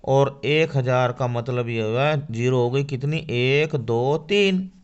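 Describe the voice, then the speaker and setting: A man's voice: mid-range voice, takes it slowly, smooth, dull audio. A man teaching a school maths lesson to children. He asks questions and answers them himself. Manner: addresses children directly.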